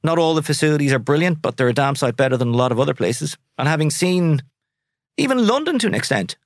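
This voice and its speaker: A man's voice: on the high side, big pitch swings, quick pace, no room sound, studio quality. A man in his forties with a west of Ireland accent, answering interview questions in a candid, colloquial, conversational way. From Sligo, west of Ireland. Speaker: solicitor, interview guest.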